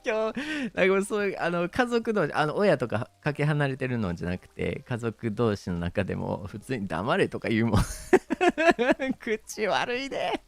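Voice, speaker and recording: A man's voice: fairly high pitch, sing-song, moderate pace, vocal fry, dry recording. A man with a Kansai Japanese accent chatting casually on a stream, hesitant and full of fillers, laughing often.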